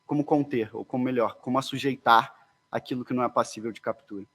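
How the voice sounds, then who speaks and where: A man's voice: medium pitch, fairly even intonation, fast talker, a bit bright. A man with a Brazilian Portuguese accent presents an academic paper. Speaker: conference speaker.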